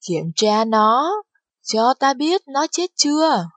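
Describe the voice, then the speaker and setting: A woman with a husky voice voicing a cruel male dark lord who speaks slowly and commandingly. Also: high voice, very animated, no room sound, voice pushed up, heavily acted. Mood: cold. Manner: slow, commanding, menacing.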